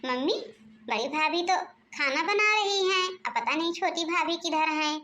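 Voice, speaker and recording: A woman's voice: very high voice, normal speed, sharp tone, a little hiss or hum. A woman voicing a young adult daughter in a cartoon, talking back to her mother in a mildly complaining way. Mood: annoyed.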